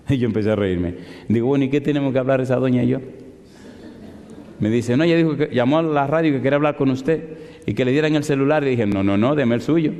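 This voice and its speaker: Predicador en sala con eco largo. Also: male voice, medium pitch, fast talker. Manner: animated, acts out both sides of a phone call. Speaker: pastor. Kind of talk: sermon with storytelling. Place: large hall in London. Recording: reverberant hall.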